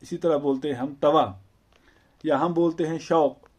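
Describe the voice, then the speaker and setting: A man teaching an Urdu grammar lesson, explaining slowly and patiently with repeated examples and rhetorical questions. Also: on the high side, steady tone.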